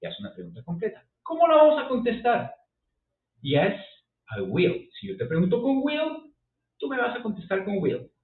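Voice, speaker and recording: Animated male teacher, far and tinny. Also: very high voice, normal speed. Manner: lively, repeats and checks with "ok?". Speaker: English teacher. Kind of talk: classroom grammar lesson. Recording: roomy, distant, phone-like sound.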